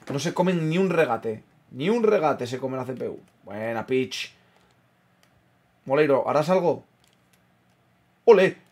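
A young man giving casual commentary while playing a football management game, chatting with viewers, swearing and yelling at big moments, then muttering low. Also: husky. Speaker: gaming streamer. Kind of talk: casual live gameplay commentary.

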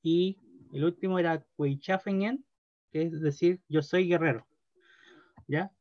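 Man, language teacher; slow and careful, keeps checking in with students; dry, muffled recording. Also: on the high side, dry recording. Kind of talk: online language class.

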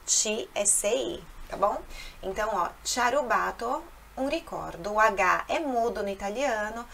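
A woman with a Brazilian Portuguese accent gives an Italian lesson, her voice carrying a gravelly edge of fry. She explains pronunciation patiently and drawls single words again and again so learners can imitate them. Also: medium pitch, lively intonation, a bit bright, slight background noise. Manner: patient, repeats sounds slowly for imitation. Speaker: Italian teacher.

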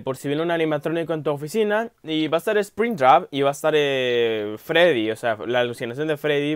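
A young man giving let's-play commentary, rambling aloud with many fillers and bursting into loud yelps whenever something startles him. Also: a little high, clean tone, no room sound, studio quality. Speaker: gameplay commentator.

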